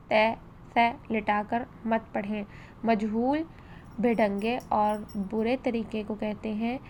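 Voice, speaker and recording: A woman teaching a tajweed lesson, slowing down to demonstrate each vowel sound with care. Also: fairly high pitch, a little mellow, a little hiss or hum. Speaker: Quran recitation teacher.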